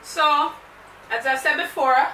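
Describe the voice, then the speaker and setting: High bright Jamaican woman hosting a food vlog, chatty, mixes in patois, echoey room, far mic. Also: slow, slight background noise. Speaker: mukbang vlog host. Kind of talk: casual chat to camera.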